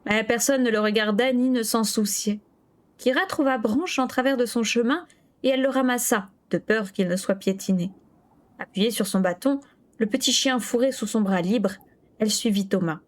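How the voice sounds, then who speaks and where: A woman's voice: on the high side, normal speed. A woman reading a novel aloud on a stream, telling the story steadily with an occasional stumble. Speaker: book reader.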